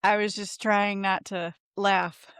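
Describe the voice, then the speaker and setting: A woman's voice: medium pitch, moderate pace, fairly bright tone, no echo, studio quality. A woman co-hosting a podcast in casual chat, chatty and blunt, with some mild swearing. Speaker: podcast co-host.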